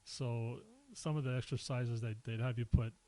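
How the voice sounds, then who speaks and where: Middle-aged male guest, casual storyteller, average pitch, lively anecdotes. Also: moderate pace, poor audio. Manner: relaxed anecdotes with chuckles and acted-out quotes. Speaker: podcast guest.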